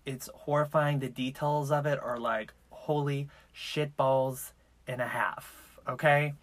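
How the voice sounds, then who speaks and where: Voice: mid-range voice, fairly even intonation, slow. Podcast host, campy and sassy, loose casual storytelling, mid-range voice, recorded inside a clothes-filled closet. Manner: campy, sassy, profane slang. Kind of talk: casual chat and true-crime storytelling.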